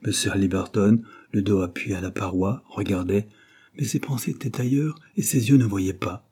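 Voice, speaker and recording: Male audiobook reader, steady and measured, deep dark husky voice. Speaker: audiobook narrator. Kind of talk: scripted narration.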